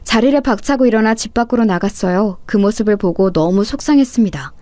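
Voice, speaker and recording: A woman's voice: mid-range voice, animated, a little fast, mellow, no room sound. A woman narrating a true-life family story in a dramatic, confiding storytelling manner. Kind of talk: scripted narration.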